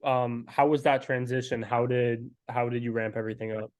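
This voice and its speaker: A man's voice: medium pitch, flat delivery, normal speed, darkish tone, no room sound. A man from the Czech Republic hosting a podcast, asking questions with frequent fillers. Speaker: podcast host. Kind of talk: podcast interview.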